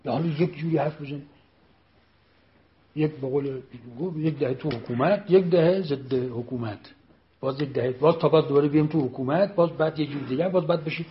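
A man with a somewhat high voice delivers an emphatic political speech. He repeats his phrases and presses the audience with pointed rhetorical questions. The recording sounds dull and lo-fi. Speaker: speaker addressing an audience.

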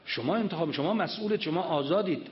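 A man giving a religious lecture, reciting scripture and explaining it in an emphatic manner. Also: fairly high pitch. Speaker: preacher. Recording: dull lo-fi recording.

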